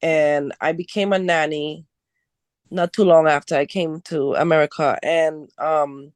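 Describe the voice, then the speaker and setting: A woman from Trinidad and Tobago, a guest author on a radio interview, speaking hesitantly with many pauses. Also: low-pitched, steady tone, dry recording. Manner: hesitant, with many ums and restarts.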